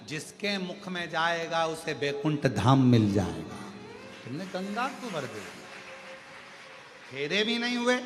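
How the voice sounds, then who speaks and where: A man playing a soft-voiced pleading demon king. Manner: soft, low, imploring. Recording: reverberant hall with faint music.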